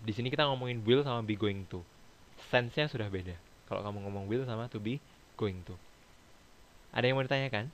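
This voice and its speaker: A man's voice: lowish voice, fairly quick, pauses often, a little hiss or hum. Male teacher, casual lecture delivery, explains grammar patiently, mixes in English examples. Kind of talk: online class lecture.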